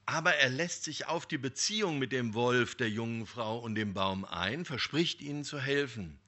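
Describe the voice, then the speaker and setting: A man preaching a sermon, telling a parable in a lively, emphatic way. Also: medium pitch, moderate pace. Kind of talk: sermon with storytelling.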